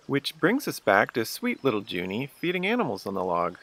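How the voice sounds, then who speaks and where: A man's voice: on the low side, huge pitch swings, brisk, a bit bright. A man narrating a wildlife photo video in casual storytelling, earnest and self-deprecating.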